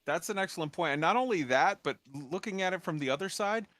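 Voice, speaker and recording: A man hosting a live casual gaming roundtable, talking in an animated way and acting out quotes. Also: high-pitched, quick pace, dry recording. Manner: animated, acts out quotes when telling tips. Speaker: host of a game roundtable. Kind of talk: live casual panel chat.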